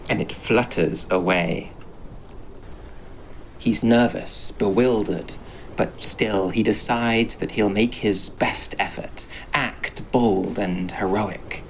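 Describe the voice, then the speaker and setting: A man narrating a rhyming storybook tale in a slow, measured way. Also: fairly low pitch, fairly even intonation, gravelly, a little hiss or hum, rough recording.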